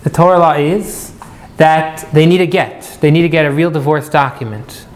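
Higher-pitched man teaching a class, noisy recording. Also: normal speed. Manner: asks questions, polls the room, repeats key points. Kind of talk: teacher to class, interactive lecture with questions to students.

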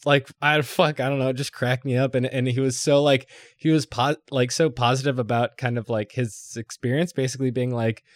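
A man's voice: medium pitch, fairly even intonation, fairly quick, no echo, clean studio sound. A young man in casual chat, telling a story in a rambling way with lots of restarts, laughs and swearing.

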